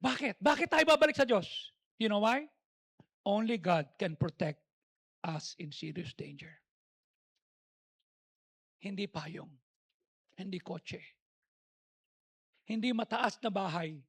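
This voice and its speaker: A pastor from the Philippines preaching a lively, joking sermon, mixing in English and acting out stories. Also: male voice, sits high, slow, long pauses, breathy edge. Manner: animated, mixes in English, acts out stories and jokes. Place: church service.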